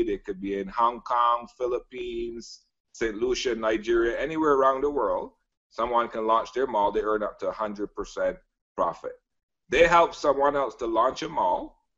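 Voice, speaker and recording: A man from Barbados giving an emphatic sales pitch as a guest, repeating phrases and filling pauses with "you know" and "uh". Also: fairly bright tone. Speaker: guest business presenter. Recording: dull lo-fi audio.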